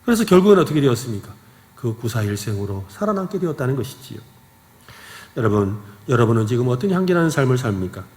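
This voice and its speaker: A male pastor with a Gyeongsang accent preaches in an earnest storytelling manner. His voice is medium in pitch but very lively, rising and falling with each phrase, and a long church-hall reverb hangs after his words. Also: fast talker. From Gyeongsang region, South Korea. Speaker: senior pastor. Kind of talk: sermon. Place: church sanctuary.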